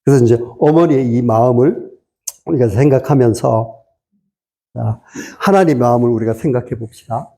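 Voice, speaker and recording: A male preacher giving a sermon in a church, swinging from quiet talk to impassioned, tearful cries. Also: mid-range voice, moderate pace. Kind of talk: sermon at a gospel meeting.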